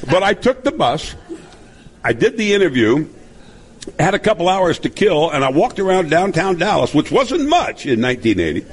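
A man's voice: sits high, very animated, normal speed, slight background noise. A man in his seventies from Nebraska, a broadcaster telling rambling stories and laughing often in a casual chat. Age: 70s. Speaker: guest broadcaster.

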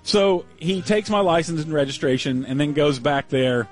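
A man's voice: fairly high pitch, normal speed, soft background music. A man who hosts a sports radio talk show, telling a long story in casual chat, acting out the other people and laughing often.

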